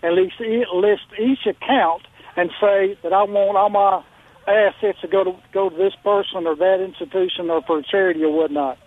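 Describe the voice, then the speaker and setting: A man's voice: high voice, steady tone, moderate pace. A man calling in to a radio show, heard over a tinny phone line. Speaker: caller.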